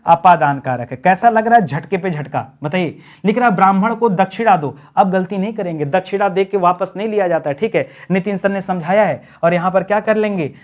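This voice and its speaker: Chatty, teasing male Hindi teacher. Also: high-pitched. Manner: chatty and teasing, asks questions and answers them himself. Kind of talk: online exam-prep lesson.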